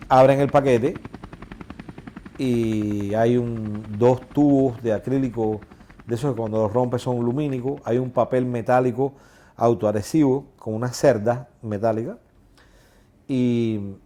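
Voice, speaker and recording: A man's voice: medium pitch, fairly even intonation, a little slow, dark tone, a little hiss or hum. A middle-aged man with a Cuban Spanish accent, telling his own story in an interview and acting out the voices in it. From Cuba. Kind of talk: personal storytelling.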